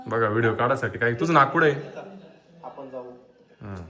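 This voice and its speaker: A man's voice: medium pitch, animated, normal speed, a crowd in the background. A man in a casual home vlog, playfully teasing a small child with repeated questions. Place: home, indoors.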